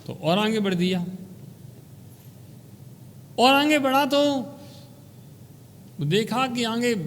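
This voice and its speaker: A monk giving a sermon, telling a parable and asking the listeners questions along the way. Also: male voice, high voice, in a large hall, a little hiss or hum. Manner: storytelling, asks the audience questions.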